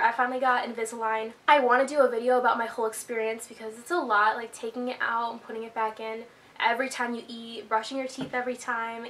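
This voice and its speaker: A woman's voice: a little high, a bit bright, a little hiss or hum. A woman of twenty-one chatting to camera in a rambling life-update vlog, a little out of breath from being sick. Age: 20s. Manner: chatty, rambling, filler-heavy. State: slightly out of breath from illness. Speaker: YouTuber.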